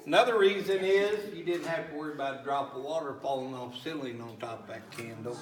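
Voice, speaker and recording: A man's voice: medium pitch, a little fast, noisy background. A man working as an echoing cave guide, giving folksy, joking tour patter with colloquial grammar to a group. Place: inside a large echoing cave. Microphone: picked up from a distance by a visitor's camera. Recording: echoing cave, distant, group chatter behind.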